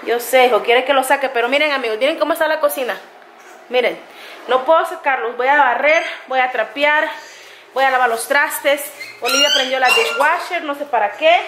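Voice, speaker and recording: A woman's voice: sits high, fairly quick. A woman with a Mexican Spanish accent, chatting to her viewers in her home kitchen in a casual family vlog and cooing at the puppies. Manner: warm, chatty, coos at the puppies. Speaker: family vlogger, mother. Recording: noisy home recording.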